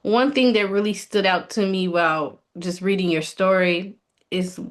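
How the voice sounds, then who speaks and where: A woman's voice: medium pitch, fairly even intonation, normal speed. A young woman with a British accent, interviewing a guest in a conversational style.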